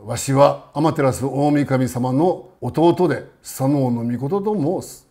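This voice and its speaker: A man's voice: mid-range voice, slow, dark tone. A man voicing a ragged wandering god who talks in terse, old-fashioned, blunt lines. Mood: proclaiming.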